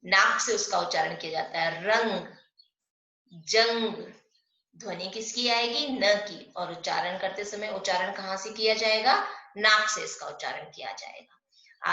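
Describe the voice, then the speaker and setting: A woman teaching an online Hindi class to young pupils. She explains step by step, asks questions and answers them herself, and slows down to stress the sounds of example words. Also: medium pitch, sharp tone. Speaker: primary school Hindi teacher. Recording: echoey, dull lo-fi room sound.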